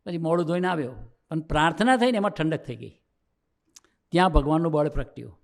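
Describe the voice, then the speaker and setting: A man's voice: a little high, lively intonation, quick pace, vocal fry. A man with a Gujarati accent, a swami, gives a youth sermon as a personal story, acting out the dialogue and rising into emphatic preaching. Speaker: swami giving a youth discourse.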